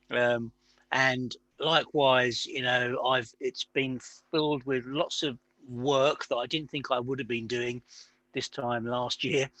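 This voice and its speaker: A man's voice: medium pitch, sharp tone, dry recording. An easygoing man chatting on a hobby podcast, sometimes talking while he eats. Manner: easygoing, talks while eating. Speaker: podcast regular. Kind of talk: casual podcast chat.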